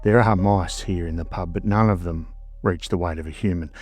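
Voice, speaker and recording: Male Australian narrator, deep register, scripted spooky storytelling with dramatic short phrasing, music underneath. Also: fairly even intonation, a little fast, breathy edge. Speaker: host and storyteller of a ghost story show.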